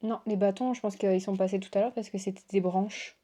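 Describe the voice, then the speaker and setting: A woman's voice: medium pitch, steady tone, a little fast, warm tone. A woman hosting a casual unboxing chat, gushing and exclamatory as she shows cards to her viewers. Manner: gushing, exclamatory, lots of waouh and oh là là. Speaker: tarot reader and channel host.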